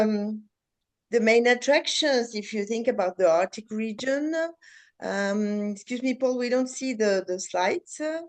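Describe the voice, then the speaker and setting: A middle-aged woman from Finland giving a halting webinar presentation over a video call, with many fillers and restarts. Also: mid-range voice. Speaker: market expert panelist.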